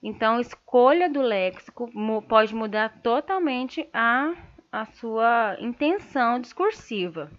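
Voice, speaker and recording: Brazilian lady teacher, high voice, explains stuff step by step, keeps asking if you got it, kinda dull lo-fi sound. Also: animated, slow pace. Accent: Brazilian Portuguese. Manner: explanatory, checks understanding with tag questions. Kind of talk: online writing lesson.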